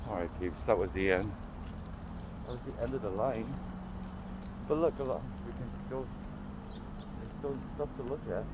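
A chatty vlogger from Guam walks and talks through an outdoor flea market, amused at himself and calling his viewers "peeps." His voice is mid-range with a moderate pace and long pauses, and the clip is very noisy with loud music playing.

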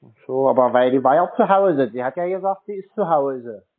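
Speaking a little fast with an expressive, medium-pitched voice, a man poses as a customer in a prank phone call. His questions are persistent and sound naive, and the recording is thin and phone-like.

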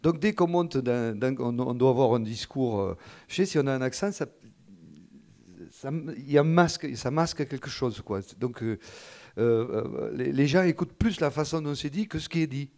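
A man's voice: mid-range voice, lively intonation, dark tone. A man who is the guest in a live stage conversation, answering in a hesitant way with many false starts. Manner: hesitant, halting, lots of fillers and false starts. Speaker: guest musician. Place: auditorium.

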